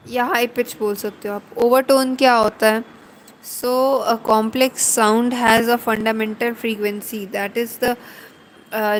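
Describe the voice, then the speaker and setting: A woman with an Indian accent lectures at a very slow, careful pace, defining each term in turn and switching between Hindi and English. Her voice sits a little high. A faint noise runs under the recording. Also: low-quality recording. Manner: slow, deliberate, explaining term by term.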